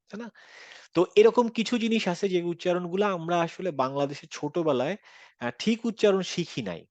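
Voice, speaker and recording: A man's voice: high-pitched, dry recording. A man with a Bangladeshi Bengali accent, teaching an online Quran reading class and patiently explaining with English phrases mixed into his Bengali.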